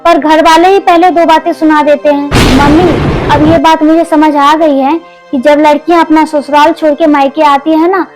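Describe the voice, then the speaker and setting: Young woman, fed-up daughter in a family soap, high voice, earnest and firm, faint music under it, as an actress plays her. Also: fairly even intonation, moderate pace, close to an everyday voice. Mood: resolute. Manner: earnest, pleading then resolute. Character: young woman back at her mother's home, determined. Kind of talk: Hindi family drama acting.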